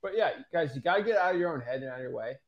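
Talking very fast and animatedly, a young man co-hosting a studio podcast rambles through casual coaching talk with plenty of fillers, calling his listeners guys. His voice is a little high, the highs are cut off, and he uses a boom-arm studio mic in front of a backdrop.

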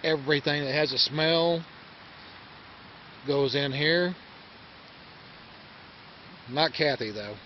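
Filming a vlog at a riverside forest campground, this camper speaks in a fairly high voice, slowly and with long pauses, casually explaining each step for his viewers. His handheld camera mic captures dull home-video sound with a light hiss from outdoors.

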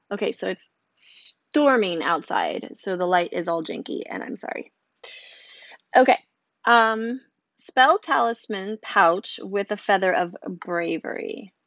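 A woman's voice: medium pitch, creaky, a bit bright, no room sound, highs cut off. A woman chatting casually at home as she unboxes a subscription box, rambling and reading items aloud with asides. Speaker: unboxing vlogger. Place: room at home, storm outside.

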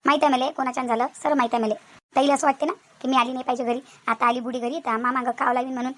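A woman's voice: high-pitched, little pitch movement, rapid-fire, a bit bright. A woman voicing a suspicious, complaining old village mother-in-law in a cartoon, chattering. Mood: grumbling. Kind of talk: cartoon voice acting.

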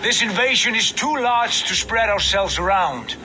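Sharp-voiced Norse warrior god. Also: male voice, high voice, expressive, normal speed, a little hiss or hum, full character voice. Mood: urgent. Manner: formal, declamatory. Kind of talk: video game acting.

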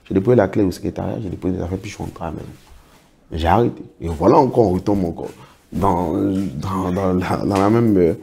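Speaking fast in a low, warm voice with vocal fry, a middle-aged man appears as a guest in a laid-back interview. He works as a project financing consultant and spins anecdotes, acting out what others said to him.

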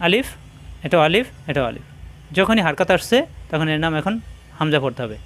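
A man teaching Quran reading in a spoken lesson, patiently repeating each letter sound slowly for practice. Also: fairly high pitch, big pitch swings, fairly bright tone. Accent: Bangladeshi Bengali.

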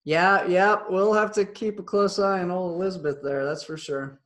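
A man's voice: sits high, steady tone, normal speed, a bit bright. A man hosting a casual trading webinar, talking hesitantly with frequent fillers and restarts. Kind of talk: casual conversational chat.

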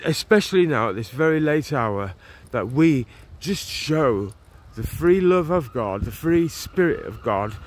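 This vlog follows a street preacher in his forties walking a leafy town street and park, speaking into his phone camera at arm's length in a medium-pitched voice. He's earnest and rambling, often restarting and saying "you know". Faint street noise and passing cars are in the background.

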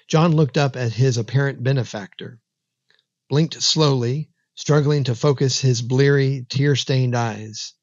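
A man narrates a horror story in a slow, measured, dramatic delivery. His mid-pitched voice sits in a dry, close recording with a dull, lo-fi tone. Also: no room sound.

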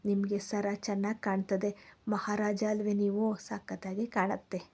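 A woman voicing a blunt, caring grown son who talks in gruff village speech. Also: mid-range voice, completely flat delivery, moderate pace, darkish tone. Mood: bossy.

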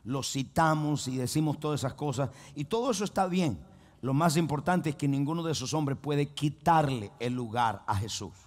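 Here a man with a voice on the high side delivers a sermon as pastor, his intonation lively and his speed normal. Emphatic and full of restarts and repetition, he keeps calling on listeners to repeat lines and answer amen.

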